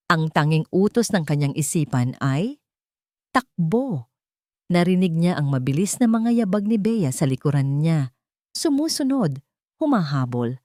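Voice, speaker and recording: A woman with a Filipino accent reads a scripted story in the manner of a dramatic narrator. Her voice is low and a little mellow, captured as clean studio sound with no room sound.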